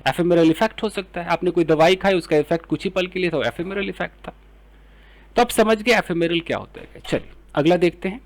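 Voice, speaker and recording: A man with an Indian English accent teaching English words, explaining in Hindi and reading example sentences slowly. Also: sits high. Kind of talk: vocabulary lesson.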